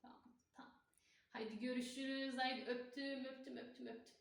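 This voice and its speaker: A woman's voice: sits high, fairly even intonation, fairly quick, creaky. A woman playing a chatty, gossipy middle-aged cleaning lady, in a comic stage monologue. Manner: chatty, folksy, sprinkles exclamations. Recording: echoey room, voice far from mic.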